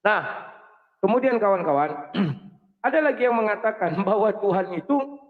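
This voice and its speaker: A man with a high-pitched voice talks straight to his listeners in a loose, conversational monologue. He clears his throat again and again between phrases. The sound is thin and tinny, as if it came through a phone. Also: expressive, normal speed. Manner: frequent throat clearing, addresses listeners as friends. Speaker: channel host. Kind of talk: casual spoken monologue.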